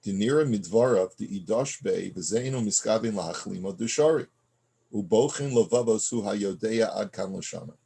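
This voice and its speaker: Man, rabbi, low voice, husky, reads Hebrew text and explains in English, conversational teaching, fillers and restarts. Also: normal speed, dark tone. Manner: reads Hebrew passages aloud, then explains them in plain conversational English; frequent fillers and restarts, checking in with the listener. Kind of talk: text study lesson.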